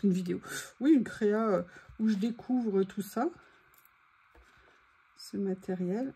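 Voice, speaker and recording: In a husky, warm, medium-pitched voice, a woman takes her time while chatting casually and thinking out loud on her craft video. Her voice is starting to give out, leading to throat clearing. Faint background noise can be heard.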